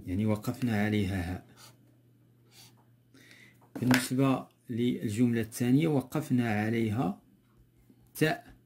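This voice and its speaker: A man's voice: medium pitch, moderate pace, long pauses, a little mellow, a little hiss or hum. A man with a Moroccan accent teaching a textbook grammar lesson, going step by step and repeating key words.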